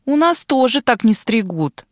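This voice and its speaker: A woman's voice: on the high side, very animated, unhurried, no room sound, studio quality, voice pushed up. Woman doing a brash boastful dragon girl. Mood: scornful. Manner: mocking, domineering, boastful.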